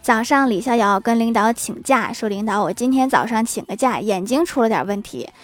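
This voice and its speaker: Female comic narrator, a bit high, dead-dry studio sound, wry asides after each joke. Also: animated, brisk, no room sound, soft background music. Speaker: narrator of funny anecdotes. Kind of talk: reading funny anecdotes aloud.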